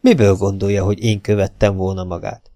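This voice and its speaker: A man voicing a calm, sly middle-aged detective, measured and needling. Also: mid-range voice, no echo, studio quality, voice pushed up, lightly acted. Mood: probing.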